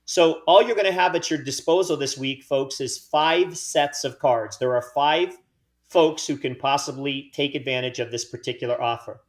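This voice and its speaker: A man's voice: mid-range voice, normal speed. A man hosting a casual podcast, joking and teasing himself as he reads out giveaway winners and details. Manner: joking, self-mocking banter. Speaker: podcast host.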